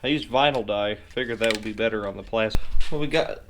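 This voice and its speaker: Against a noisy background, a fast-talking man with a lowish voice narrates his DIY car repair vlog while working in the garage. His manner is folksy, with joking asides delivered in a mock-serious way.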